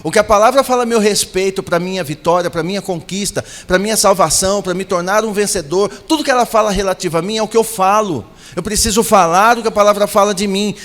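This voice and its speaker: High-voiced man preaching in a reverberant hall. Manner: preaching with rising emphatic declarations. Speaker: pastor. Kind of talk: sermon.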